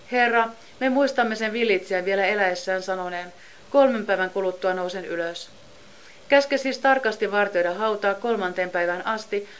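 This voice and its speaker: A woman reads scripture in a steady, measured voice. Her pitch sits in the middle of the range, and her delivery stays even from line to line. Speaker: scripture reader.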